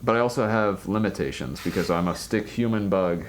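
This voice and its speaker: A man's voice: sits low, a little fast, a little hiss or hum. A man co-hosting a casual podcast, playful and self-mocking in his banter. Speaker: podcast co-host. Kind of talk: casual chat.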